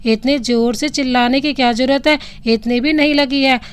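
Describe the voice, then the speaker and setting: A woman's voice: sits high, fairly even intonation, normal speed, smooth, natural voice. A woman voicing a feisty young bride who snaps and scolds her new husband. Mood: pleading. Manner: snappy scolding.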